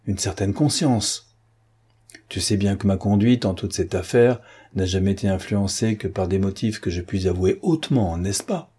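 A man voicing a forceful, commanding gentleman adventurer in an audiobook, speaking insistently and emphatically. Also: lowish voice, normal speed, husky. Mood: persuasive. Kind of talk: audiobook character reading.

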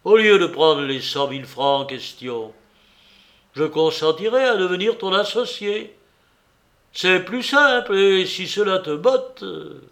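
A man voicing a mocking, relentless blackmailer who jeers and presses his demands loudly. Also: high voice, expressive, unhurried, pitched above the performer's own voice, heavily acted. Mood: scheming. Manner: raised, jeering, emphatic.

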